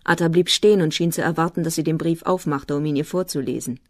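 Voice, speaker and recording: Low calm female audiobook narrator. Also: fast, no room sound, studio quality.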